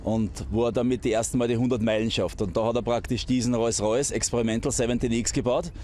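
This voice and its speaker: A man's voice: medium pitch, steady tone, fast, a little mellow. A man in an outdoor interview, chatting casually about the history of an old car, with some fillers. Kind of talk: casual explanation.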